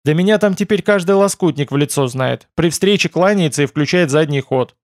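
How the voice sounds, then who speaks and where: A man's voice: fairly high pitch, a little fast, no room sound, clean studio sound, pitched above the performer's own voice, close to an everyday voice. A man voicing a wry, easygoing young man who jokes and teases in an audiobook. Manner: joking, mildly sarcastic.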